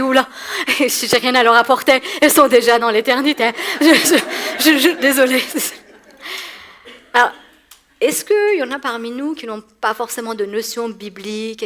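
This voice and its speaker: In a church hall, an Iranian woman in her forties preaches a sermon to a women's gathering. Her voice sits high, and she is animated, laughing often and repeating words as she goes.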